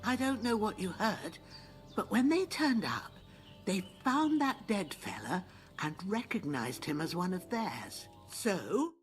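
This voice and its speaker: A woman's voice: medium pitch, very animated, slow, soft background music. A woman playing a weak old peasant woman in a video game, plain-spoken, rustic and complaining. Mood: indignant. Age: older.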